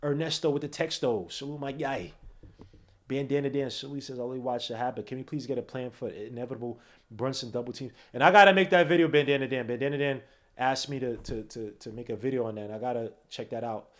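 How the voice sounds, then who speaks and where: A man hosting a late-night basketball podcast, tired and yawning, rambling and swinging from low mutters to loud outbursts. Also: quick pace. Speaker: podcast host.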